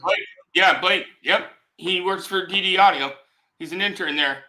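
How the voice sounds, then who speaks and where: Hesitant man guest, very bright voice. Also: sits high, normal speed. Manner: hesitant, lots of fillers. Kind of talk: casual livestream chat.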